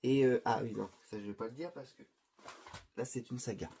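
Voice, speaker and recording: A man's voice: mid-range voice, fairly even intonation, a little fast, warm tone, slight background noise. A middle-aged man presenting his film collection in a casual chat, hesitant and full of fillers and restarts. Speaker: video host presenting his Blu-ray collection.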